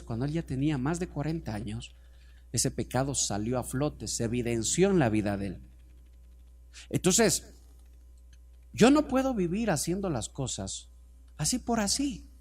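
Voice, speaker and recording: Animated, high-pitched preaching pastor. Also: male voice. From Ecuador. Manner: preaching to a congregation, calls for responses, swings from soft to loud. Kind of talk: sermon.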